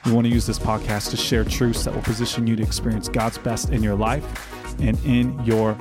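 A man's voice: medium pitch, flat delivery, moderate pace, over music. A man hosting a faith podcast, speaking in a playful, joking way as he introduces his guest and topic. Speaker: podcast host. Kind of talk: upbeat podcast intro chat.

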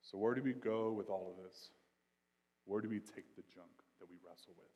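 A man preaches from the pulpit in a loose, conversational way, dropping slang and asides into his sermon. His voice sits low and moves between hushed reflection and loud intensity. A long reverb from the church hall trails every phrase. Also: moderate pace. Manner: swings from quiet reflection to loud, intense delivery. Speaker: pastor.

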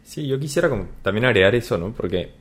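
A man's voice: mid-range voice, expressive, fast. A man hosting a podcast, talking loosely and casually with slang and frequent check-ins to his listener. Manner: loose, slangy, keeps asking "¿me entiendes?". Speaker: podcast host. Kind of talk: casual conversation.

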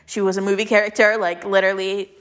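A teenage young woman speaks with a stuffy, congested nose at a medium pitch. She hosts a casual, confiding monologue, often pausing and restarting as she thinks aloud. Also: flat delivery. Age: late teens, 17. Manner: halting, filler-heavy, confiding. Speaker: podcast host.

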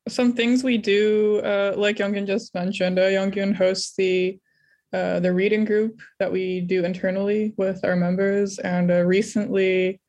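A woman moderating a casual group podcast discussion, speaking in a relaxed, hesitant way with frequent fillers. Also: mid-range voice, measured pace.

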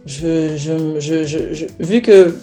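A woman's voice: low-pitched, slow pace, faint music behind. A young woman telling a personal testimony as a story, acting out the quoted dialogue as she goes. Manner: animated retelling with acted-out quoted dialogue. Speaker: speaker sharing a personal testimony.

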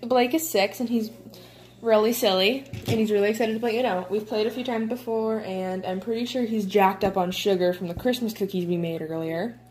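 A young woman talks in a relaxed, chatty way at home, walking a child through the rules of a card game. Her voice sits at an ordinary, mid-range pitch. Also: a little fast. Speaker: channel host playing a card game with a child. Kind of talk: casual chat. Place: home, indoors.

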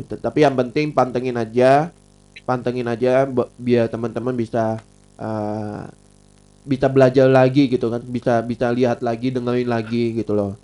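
A warm, medium-pitched male voice with an Indonesian accent hosts a casual live stream chat, often repeating his phrases. He is a live stream host and podcaster who describes himself as having a slight lisp and slurred R and L sounds.

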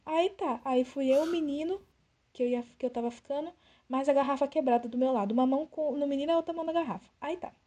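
Young woman telling a story, high mellow voice, does all the dialogue. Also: quick pace. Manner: animated, acts out quoted dialogue. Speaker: podcast co-host. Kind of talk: casual storytelling chat.

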